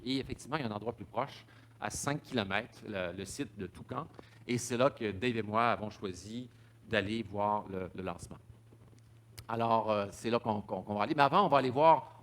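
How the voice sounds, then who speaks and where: A man's voice: medium pitch, fairly bright tone. A man giving a public talk, stumbling over repeated words and fillers. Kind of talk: public lecture with slides.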